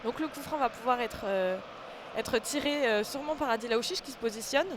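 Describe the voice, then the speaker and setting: A football co-commentator giving live sports commentary and analysis in a hesitant, halting way, repeating words. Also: mid-range voice. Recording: noisy outdoor ambience behind the voice.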